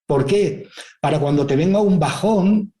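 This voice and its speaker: Mellow man teaching. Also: high-pitched, a little slow. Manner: explanatory, checks in with rhetorical questions. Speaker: speaker, writer. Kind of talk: spiritual motivational talk.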